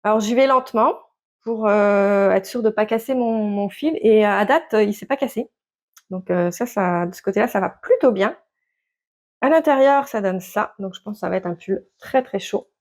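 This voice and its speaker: A knitting vlogger with a mid-range voice talks at a moderate pace in a casual show-and-tell to camera. She comes across as hesitant, with lots of fillers and restarts.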